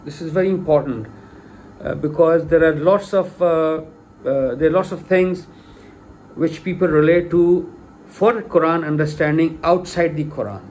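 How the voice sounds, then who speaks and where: Speaking at normal speed in a slightly high, darkish voice with fairly even intonation, a middle-aged Urdu-native man lectures informally on religion as a layperson. He hesitates, uses lots of fillers and restarts, then emphasizes the main points. Slight background noise is present.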